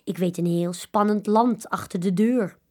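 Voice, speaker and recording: A woman voicing a lively, playful little girl who leads the games in a children's story. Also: mid-range voice, unhurried, natural voice. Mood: scheming.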